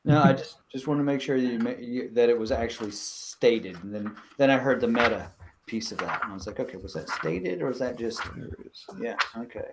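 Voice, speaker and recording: A man's voice: mid-range voice, a little fast, noisy background. A man narrating as game master in a tabletop game, hesitant and restarting often.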